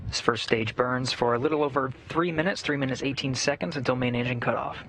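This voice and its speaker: A man's voice: mid-range voice, a little fast, fairly bright tone. A man giving polished, explanatory live commentary for a launch broadcast.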